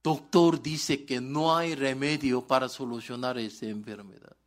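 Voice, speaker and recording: A male pastor preaching a sermon in broken, article-dropping Spanish, asking the congregation questions and answering them himself. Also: fairly high pitch.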